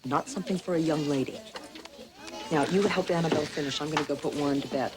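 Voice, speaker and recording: A stern pioneer mother speaks in a low, steady voice. She pleads in firm, formal words. A loud tape hiss runs under her, as on a worn VHS copy. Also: fast talker. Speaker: frontier mother.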